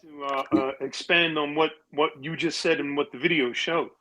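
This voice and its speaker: A man joining a live stream by earphone mic, speaking haltingly with fillers while his volume keeps cutting in and out. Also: a little high, steady tone, pushed and bright. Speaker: coalition member on a live stream. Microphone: earphone mic on a remote call. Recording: dull lo-fi call audio, distant, dropping level.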